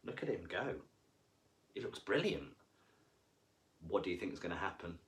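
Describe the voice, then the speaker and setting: A man reading a picture book aloud to children, animated and engaging, asking the listener questions. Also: low-pitched, normal speed. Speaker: children's storyteller.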